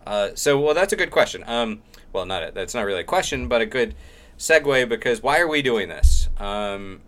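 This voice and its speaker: A man's voice: medium pitch, expressive, moderate pace, a bit bright. A middle-aged man hosting a podcast in a rambling, self-deprecating, casual way. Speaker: podcast host. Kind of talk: casual chat.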